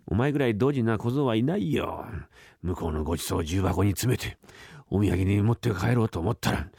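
A man's voice: mid-range voice, vocal fry, darkish tone, husky, no room sound, clean studio sound, heavily acted. A man voicing a stingy, fussy old male shop master in a comic rakugo tale, grumbling and scolding. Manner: grumbling, scolding, muttering to himself. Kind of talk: rakugo storytelling.

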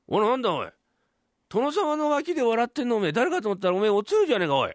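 A man voicing a blunt, warm-hearted common townsman who speaks coarse old Tokyo downtown street talk in a rakugo storytelling. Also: very high voice, sing-song, fast, no room sound, clean studio sound, voice pushed up. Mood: rowdy teasing. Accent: old Tokyo downtown speech.

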